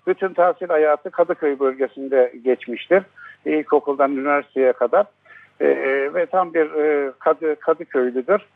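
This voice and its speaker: Older guy calling in over a landline, fairly high voice for a man, tinny squeezed phone sound, slow halting talk with lots of pauses. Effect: speaking over a landline phone. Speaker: guest, father of a jailed lawyer. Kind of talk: phone-in interview on radio. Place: at home, on the phone. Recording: tinny narrow phone line.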